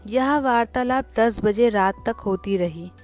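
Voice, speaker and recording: A woman narrating a classic short story as a storyteller, with a measured, deliberate reading. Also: a little high, a little mellow, soft background music.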